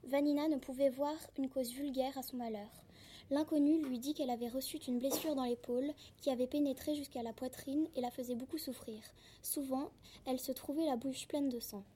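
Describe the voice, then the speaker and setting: A woman's voice: high-pitched, fairly even intonation, brisk, warm tone, a little hiss or hum. A woman reading a classic French story aloud, introducing it with hesitant fillers and then reading steadily. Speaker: reader.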